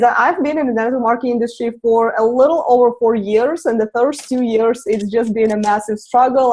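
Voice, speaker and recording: A woman's voice: a little high, darkish tone, poor audio. A woman in her twenties with a Russian accent, co-hosting a webinar in a chatty way with many fillers. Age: 20s. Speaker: co-host. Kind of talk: casual webinar introduction.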